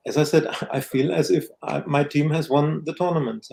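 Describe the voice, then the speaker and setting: German guy w german accent, bit higher voice, mellow, halting football chat. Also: fairly even intonation, creaky. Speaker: guest football pundit. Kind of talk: casual football discussion.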